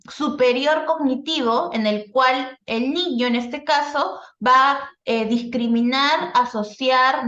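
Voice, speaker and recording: A higher-pitched woman teaching as a speech therapist in a live online workshop. She explains step by step, checking in with listeners and leaning on fillers. Her voice comes over a dull, roomy video call line. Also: fairly bright tone. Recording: echoey lo-fi video call audio.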